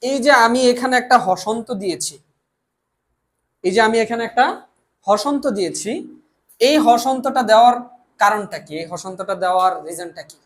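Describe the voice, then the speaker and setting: A man's voice: high voice, normal speed, pauses often. A young man from Bangladesh teaching a language lesson, explaining step by step, often repeating himself and answering his own questions. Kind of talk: classroom lecture.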